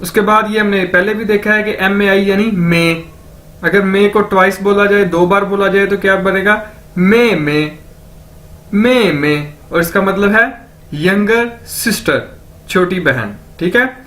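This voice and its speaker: Slow, high-voiced man teaching vocabulary. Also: sharp tone. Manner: repeats each word slowly several times; asks questions then answers them himself. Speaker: language teacher. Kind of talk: step-by-step vocabulary lesson.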